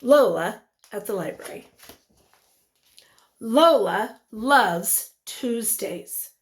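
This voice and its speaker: Her pitch fairly high, a woman teacher expressively reads aloud a picture book for little ones and pauses to put questions to them.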